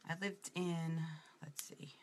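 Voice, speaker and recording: A woman's voice: sits low, fairly even intonation, takes it slowly. A woman with a New York accent, chatting casually and rambling as she demonstrates her makeup. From Brooklyn, New York. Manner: chatty, rambling, drifting off topic. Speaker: makeup tutorial presenter.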